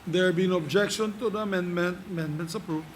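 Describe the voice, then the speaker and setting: A man's voice: sits high, a little fast, a little hiss or hum. A man with a Filipino accent, speaking as the presiding officer in a formal parliamentary session. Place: legislative session hall.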